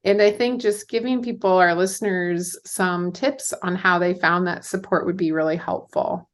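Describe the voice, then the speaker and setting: A woman with a lowish voice hosts a podcast interview. She talks in a relaxed, conversational way, padding her sentences with little fillers. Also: normal speed. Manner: conversational, many fillers like "you know". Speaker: podcast host. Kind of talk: casual interview talk.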